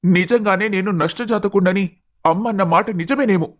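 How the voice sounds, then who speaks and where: An earnest, lovestruck young man in a cartoon story, voiced by a man, pleading and heartfelt. His voice sits noticeably high for a man. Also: moderate pace, close to an everyday voice. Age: young adult.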